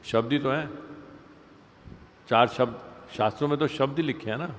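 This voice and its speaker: A man's voice: mid-range voice, normal speed. Brief: male class speaker, patient, repeats for emphasis, long reverb from a temple hall, faint background hum. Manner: explains with everyday examples, stresses points by repeating. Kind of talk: devotional scripture class. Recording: echoey hall with faint ambience.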